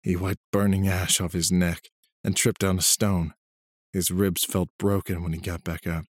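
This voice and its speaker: Deep dry male storyteller reading prose steadily over faint music. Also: flat delivery, moderate pace, no echo. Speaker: narrator. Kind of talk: scripted storybook narration.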